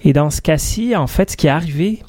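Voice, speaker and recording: A man's voice: fairly high pitch, animated, fast, a little mellow. A man from France talking casually as an interview guest, hesitant and often searching for words.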